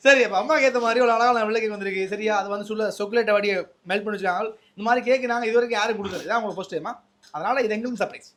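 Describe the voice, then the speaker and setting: Sri Lankan Tamil accent, surprise delivery presenter, mid pitch, playful teasing banter. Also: rapid-fire, a bit bright. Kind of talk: casual on-camera banter.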